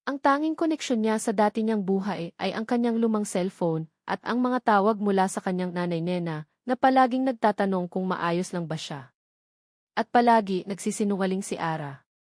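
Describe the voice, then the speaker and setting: A woman with a mid-range, slightly mellow voice narrates a scripted dramatic story at a moderate pace. The recording is clean studio sound with no echo.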